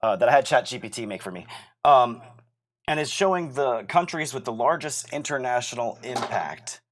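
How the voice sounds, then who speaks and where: Podcast co-host guy, calm explainer, mid-pitched voice, dry jokes. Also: moderate pace, a little hiss or hum. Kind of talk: casual podcast chat.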